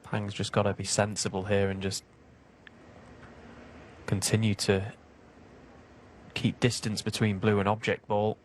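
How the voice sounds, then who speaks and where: A man giving hushed, measured snooker commentary in an analytical, unhurried, low-key way. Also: level tone. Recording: broadcast with clear background noise.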